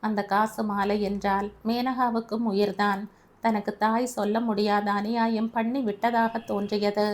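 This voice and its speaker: A woman narrating a family audio novel in a steady storytelling manner. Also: medium pitch, a little slow.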